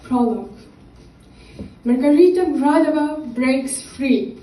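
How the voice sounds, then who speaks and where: A woman gives a literary reading at an unhurried pace, her sentences sinking quietly at the ends. Her voice sits a little high but sounds mellow and dark-toned. She is set back from the mic in an echoey room. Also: lively intonation, distant mic. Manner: slow, measured, dropping softly at line ends. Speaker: author reading her novel.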